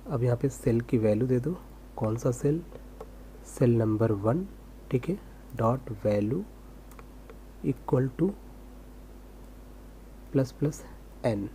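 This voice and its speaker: A man's voice: mid-range voice, takes it slowly, pauses often, mellow, a little hiss or hum. A man giving a casual screen-recorded coding lesson, asking himself rhetorical questions as he types. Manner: casual, rhetorical self-questions, talks while typing. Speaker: programming tutor.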